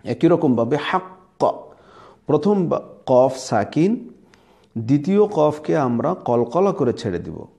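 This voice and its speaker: A man's voice: a little high, big pitch swings, takes it slowly, creaky, long pauses, mellow. A man with a Bangladeshi Bengali accent teaching Quran recitation, sounding out letters and words again and again as he explains. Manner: demonstrates letters and words aloud, repeating them. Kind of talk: slow teaching lesson.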